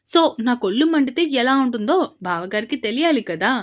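A man's voice: extremely high pitch, expressive, fairly quick, a bit bright. A woman voicing a hot-tempered, protective young man who scolds his friend and sister. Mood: stern. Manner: scolding, stern.

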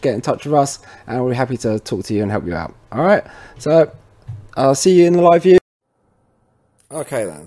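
Speaking with a warm, medium-pitched voice, this man presents how-to tutorials for a tech retailer. His manner is relaxed and informal, and he addresses viewers directly as "guys."

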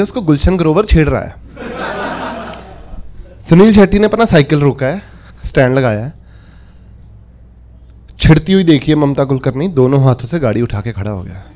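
Before a laughing live crowd at a comedy club, a man in his thirties performs stand-up storytelling, using a handheld stage mic and imitating voices for the quotes. His voice is a little high, and a slight hiss or hum runs through the recording.

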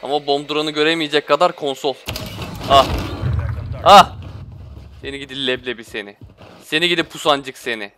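A man's voice: on the high side, normal speed, pauses often, bright, forceful tone, a little hiss or hum. A man commentating his own shooter gameplay, switching between frustrated outbursts, muttering to himself and slangy trash talk at opponents. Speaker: gaming streamer.

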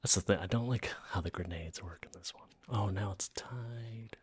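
A man giving soft-spoken ASMR commentary while playing a game, drifting between a hushed whisper and quiet low talk. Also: normal speed, husky, no room sound. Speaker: ASMR gaming channel host.

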